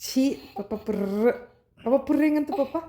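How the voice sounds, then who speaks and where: A woman's voice: high-pitched, normal speed. A young woman, a mother in a casual family vlog, coaxing and soothing her baby at home at night in a sing-song voice, recorded on a phone. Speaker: vlogger mother. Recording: home video with loud background noise.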